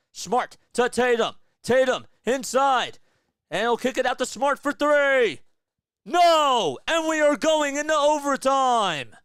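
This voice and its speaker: A young man doing live fan play-by-play of a basketball game, excitable, yelling at big plays and dropping to a hushed mutter between them. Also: very high-pitched, clear, resonant tone, no echo, studio quality.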